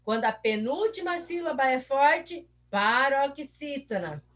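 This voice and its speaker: A woman teacher walks young pupils through a review lesson, patient and encouraging. Her voice sits fairly high and swoops lively up and down. She drags out example words slowly, syllable by syllable. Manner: patient, encouraging, asks the class questions.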